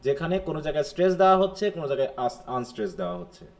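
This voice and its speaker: Male lecturer with a Bangladeshi accent and a slightly raised pitch, reads English lines slowly. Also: animated. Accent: Bangladeshi Bengali. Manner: explains in Bengali and reads English definitions slowly; keeps asking the class questions. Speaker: teacher. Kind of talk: live lecture.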